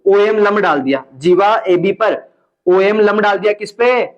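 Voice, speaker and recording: A man's voice: high-pitched, measured pace. A man teaching a maths class, mixing the lesson with teasing jokes to his students. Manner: joking asides to students, teasing banter. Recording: dull lo-fi classroom recording.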